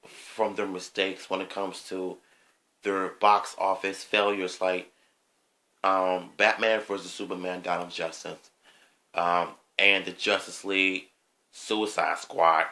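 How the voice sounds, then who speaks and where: Slow, hesitant man with a bright voice. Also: sits low, flat delivery. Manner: slow, hesitant, with frequent ums and throat clearing. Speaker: vlogger. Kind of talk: opinion vlog monologue.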